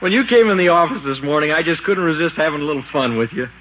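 A man's voice: on the high side, expressive, fast, fairly bright tone. An actor playing a good-natured, teasing man in old radio comedy style. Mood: amused, teasing. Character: teasing, good-natured male office visitor. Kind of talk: 1940s radio comedy acting. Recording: muffled old radio recording, faint noise.

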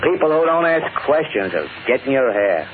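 A man's voice: medium pitch, very animated, moderate pace, close to an everyday voice. A man playing a blunt, suspicious, slangy tough-guy crook in an old-time radio drama. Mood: relaxed, approving. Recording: tinny, noisy old radio recording.

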